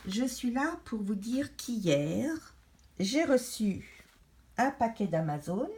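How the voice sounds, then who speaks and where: A middle-aged woman chatting casually as a craft vlogger, rambling and hesitant with many pauses while she leafs through a colouring book. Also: fairly high pitch, big pitch swings, darkish tone, slight background noise.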